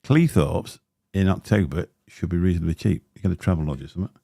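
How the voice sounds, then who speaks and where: Talking at a quick pace, a man with a very low, gravelly, deep voice hosts a casual livestream from a small home room, unboxing gear. He rambles with plenty of ums and grumbling asides in a dark, mellow tone. His close-up dynamic studio mic captures dry, close sound with no room sound.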